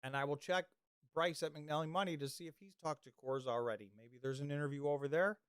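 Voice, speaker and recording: Losing his voice as he goes, this livestream host chats casually, rambles, and restarts his sentences frequently while reading comments from chat. He speaks a little fast on the high side with fairly even intonation, with a clean tone in a dry, studio-quality recording.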